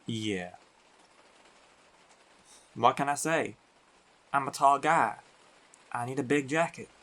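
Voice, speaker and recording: In an intimate roleplay audio, a man voices a big, affectionate biker werewolf boyfriend who loves to tease. His medium-pitched, slightly bright voice moves at an unhurried, colloquial pace, and the mood is playful.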